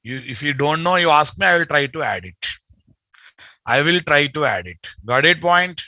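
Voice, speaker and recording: His voice sits on the high side, with lively intonation, a moderate pace, and a sharp tone, recorded without echo. He's a middle-aged software instructor with an Indian Telugu accent leading an informal live lesson on a video call from an indoor room. He often repeats himself and speaks to learners in a familiar way.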